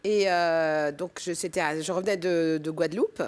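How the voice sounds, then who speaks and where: A middle-aged woman, a talk-show guest, telling lively anecdotes and acting out the people in them. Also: on the low side, moderate pace. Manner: animated storyteller acting out quotes. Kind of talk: casual talk-show chat. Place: TV studio with audience.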